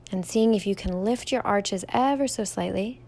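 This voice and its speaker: In a mid-range voice, a young yoga teacher guides a standing meditation. She goes slowly and gently, her soothing words drawn out with softness.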